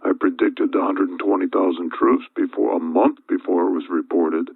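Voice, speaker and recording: Older guy, very deep voice, kinda hoarse, anxious and repeating himself, sounds like a phone line. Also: no room sound. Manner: anxious, repetitive, halting restarts. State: losing his voice. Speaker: video channel host. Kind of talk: worried monologue to viewers. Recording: tinny phone-like dry audio.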